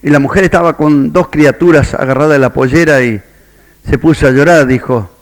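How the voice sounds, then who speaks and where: A man's voice: on the high side, a little fast. A man with a Rioplatense Spanish accent preaching a sermon as a pastor, telling a story and quoting its characters. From Argentina.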